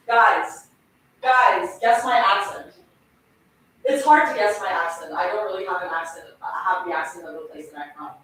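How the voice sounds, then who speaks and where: A young Turkish woman with a mid-range voice cooks in her home kitchen while chatting casually with her live stream audience. Giggly and talkative, she speaks to the food as she goes. The mic is set back in an echoey room, with a little hiss or hum.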